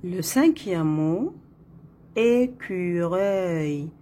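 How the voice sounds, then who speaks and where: A woman with an Arabic accent teaching French phonics, repeating each word slowly and counting the syllables. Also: lowish voice, expressive, dark tone. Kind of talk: slow, deliberate phonics lesson. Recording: faint background noise.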